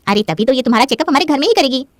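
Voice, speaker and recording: A woman plays a loving middle-aged mother in a storybook drama, speaking with heartfelt warmth of feeling. Her voice sits a little high. The recording is dry and close. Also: lively intonation, rapid-fire, no room sound. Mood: coaxing. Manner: heartfelt, speech-like.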